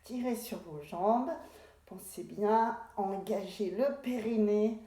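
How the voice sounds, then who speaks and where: Female Pilates teacher, calm and measured cueing, heavy room echo. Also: medium pitch. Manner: calm, unhurried cueing with breathing prompts. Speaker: Pilates instructor. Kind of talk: guided exercise class instruction. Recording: very echoey room.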